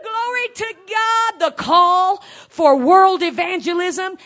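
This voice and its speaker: A woman's voice: very high voice, slow. A woman preaching an evangelical sermon as a fervent, emphatic preacher who repeats phrases for emphasis. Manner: fervent, emphatic evangelical preacher delivery, swinging from hushed to shouted.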